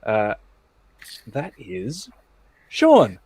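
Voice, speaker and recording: A man hosts an online table read from a video call and keeps the chat loose and friendly. He laughs often between questions. His voice sits at an average pitch, and the sound is dry and close. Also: huge pitch swings, drawn-out words, a little mellow, husky, dry recording. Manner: laughs often, easygoing and chatty.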